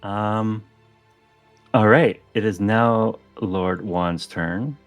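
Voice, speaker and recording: A man running a tabletop game as game master, narrating events and ruling on checks in a relaxed way. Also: lowish voice, drawn-out words, clean tone, faint music behind.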